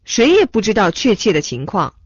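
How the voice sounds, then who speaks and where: A woman reading phrase translations aloud in a language lesson, in a measured, clearly enunciated way. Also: mid-range voice, huge pitch swings, no room sound. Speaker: phrase reader. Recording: dull lo-fi dry sound.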